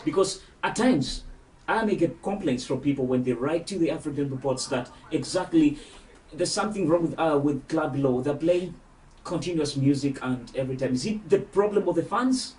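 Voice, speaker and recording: A man interviewing a DJ in a casual chat, asking questions and filling gaps with quick agreeing replies. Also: a little high, a little mellow. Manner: chatty, with frequent agreeing interjections. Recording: voice far from the mic.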